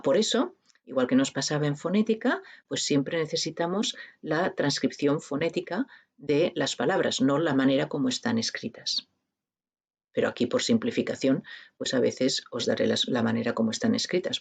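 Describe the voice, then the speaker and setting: A woman lecturer with a peninsular Spanish accent, her voice husky and touched with gravelly fry. She works through the material patiently and informally, turning to her students again and again to check they are following. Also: extremely low pitch, darkish tone. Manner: explanatory, checks in constantly with tag questions. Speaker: linguistics lecturer. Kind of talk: university lecture.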